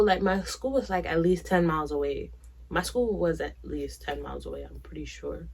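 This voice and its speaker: Blunt, chatty young New woman. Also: on the low side. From New York. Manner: candid, blunt and chatty with slang. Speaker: vlogger. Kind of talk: casual talk to camera.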